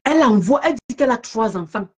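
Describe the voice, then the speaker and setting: A woman with a fairly high voice rants on a casual live stream. She mocks her rival in quick bursts and laughs loudly between them. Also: expressive, breathy edge. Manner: mocking, laughing loudly, talking fast in bursts. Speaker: live streamer commenting on an online feud.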